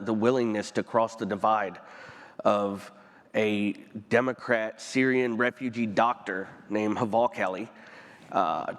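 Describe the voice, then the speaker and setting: A man speaking as a panel guest onstage, earnest and emotional, pausing often and restarting his sentences. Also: fairly low pitch, in a large hall. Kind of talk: onstage conversation. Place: conference stage.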